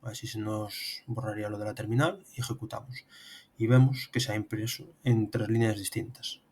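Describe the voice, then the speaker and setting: His voice sits fairly low, with fairly even intonation, a darkish tone and a breathy edge, delivered at a moderate pace. The speaker is a programming instructor in his thirties, accented from Spain, guiding viewers step by step through a screen demonstration.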